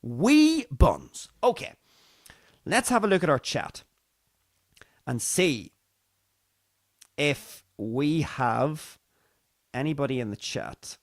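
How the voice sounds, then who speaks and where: A man's voice: mid-range voice, sing-song, slow, long pauses, fairly bright tone, no echo, clean studio sound. A man with a Northern Irish accent hosting a livestream talk show in a casual monologue, theatrical and repeating phrases for emphasis. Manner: theatrical, emphatic repetition for effect. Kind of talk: casual monologue to live stream audience.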